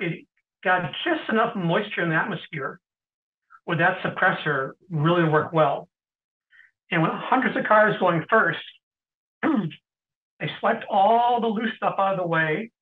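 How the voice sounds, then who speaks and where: High-voiced man telling stories, tinny sound. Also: unhurried, pauses often. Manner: anecdotal, frequent throat clearing and hesitant fillers. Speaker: interview guest. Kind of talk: casual storytelling interview.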